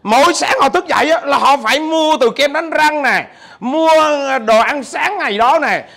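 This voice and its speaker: A middle-aged Vietnamese man, working as a business trainer, gives an animated seminar talk full of jokes, repeating words and putting questions to his audience. His voice is very high-pitched and he speaks at a normal speed.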